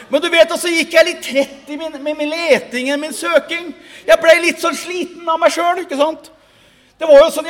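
A man preaching a Pentecostal testimony sermon, fervent, shouting hallelujahs and laughing at himself. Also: very high voice, in a large hall.

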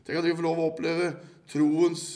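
A man's voice: a little high, monotone, darkish tone. An older man from Norway preaching a sermon in an earnest, storytelling manner.

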